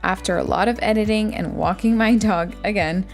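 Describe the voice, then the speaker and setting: A woman's voice: medium pitch, normal speed, creaky, faint music behind. A young woman talking casually and informally about her days in a chatty, self-deprecating vlog style. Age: young adult. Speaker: vlogger. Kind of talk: casual vlog narration and chat.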